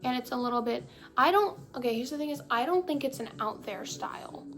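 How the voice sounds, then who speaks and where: A woman's voice: sits high, expressive, brisk, a bit bright. A young woman vlogging to her phone, chatty and rambling, cutting herself off often, talking with a put-on valley-girl inflection. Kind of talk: casual chat to camera. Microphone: phone camera. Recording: phone recording with faint music behind. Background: faint music playing.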